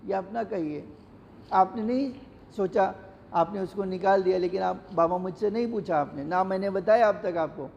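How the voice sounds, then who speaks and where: A man's voice: high-pitched, creaky, warm tone. A man, a cleric, telling a moral story in a sermon, emotive and acting out the characters' pleas, recorded in a large mosque hall. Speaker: cleric giving a Ramadan lecture. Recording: echoey hall, dull lo-fi sound, faint noise.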